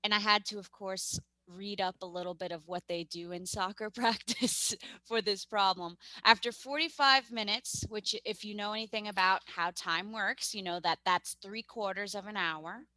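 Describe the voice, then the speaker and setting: A woman's voice: mid-range voice, steady tone, moderate pace, few pauses, pushed and bright, no room sound. A young woman with a New York accent teaching a math lesson over a video call, chatty and upbeat, often correcting herself.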